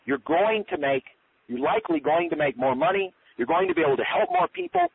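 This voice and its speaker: A man's voice: on the high side, huge pitch swings, fairly quick, creaky, slight background noise. A man giving a recorded business training talk, earnest and repetitive, acting out sample sales calls. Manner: earnest, repeats and restarts, acts out sample calls. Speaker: business coach. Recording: tinny phone-line sound.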